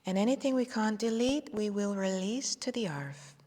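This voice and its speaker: A woman leading a guided meditation and qigong session, speaking slowly and soothingly and drifting into soft whispers. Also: medium pitch, lively intonation. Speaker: qigong instructor. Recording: long hall reverb.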